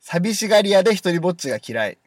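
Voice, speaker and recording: A man co-hosting a casual podcast, trading rough banter and laughing often. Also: high-pitched, big pitch swings, fast talker, dry recording, studio quality. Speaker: podcast co-host. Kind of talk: casual chat.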